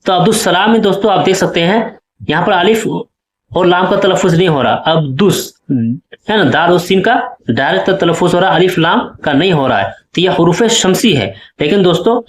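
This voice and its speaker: A man's voice: high voice, animated, brisk, reverberant. A male teacher explaining exam questions step by step and often checking that his students follow. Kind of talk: exam-prep lesson.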